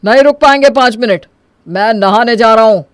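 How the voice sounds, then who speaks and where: Cartoon role: a woman doing a domineering, quick-to-anger young man, pitched fairly high, dry close recording. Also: clear, resonant tone, dry recording, close to an everyday voice. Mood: bossy. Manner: bossy, domineering. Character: hot-tempered young man demanding his share. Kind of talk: animated story voice acting.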